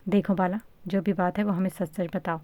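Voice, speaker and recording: A woman's voice: fairly low pitch, steady tone, dark tone, no room sound, natural voice. A woman voicing a stern, caring elder male cousin in a storybook reading, firm and lecturing.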